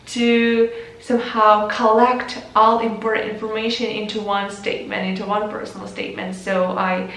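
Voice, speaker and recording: A young Ukrainian woman narrates a casual vlog in an echoey room, faint music playing behind her. Her mid-range voice is fairly bright, with slight background noise, and she comes across as earnest, often using fillers and restarting sentences.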